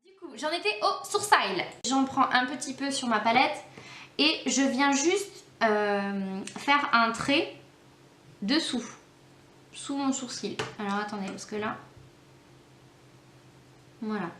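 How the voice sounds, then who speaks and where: A woman's voice: a little high, lively intonation, slow, long pauses, fairly bright tone, a little hiss or hum. Chatty French woman doing her makeup. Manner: chatty, hesitant, many fillers. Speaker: beauty vlogger. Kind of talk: casual makeup tutorial. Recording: echoey room, faint background music.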